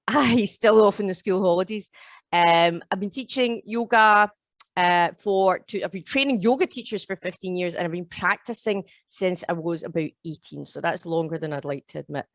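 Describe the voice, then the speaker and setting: A Scottish woman in her thirties with a Glasgow accent leads a live online yoga teacher training over a video call, chatting away and checking in often with "okay?" and "all right?". Her voice is on the low side, at a moderate pace with no echo.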